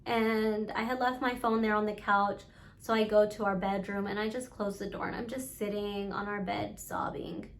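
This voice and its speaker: A woman telling her own story straight to camera in a personal vlog, earnest and halting, pausing often as she goes. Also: mid-range voice, little pitch movement, slight background noise. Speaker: vlogger recounting her own experience.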